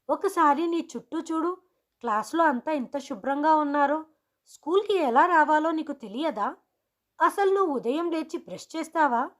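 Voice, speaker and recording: A woman voicing a strict female schoolteacher who scolds her class with sharp questions. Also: high-pitched.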